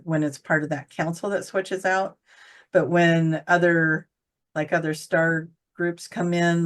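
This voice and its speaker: A woman in casual conversation about spiritual channeling, rambling and searching for words with many fillers. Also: low-pitched. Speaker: channeler co-host.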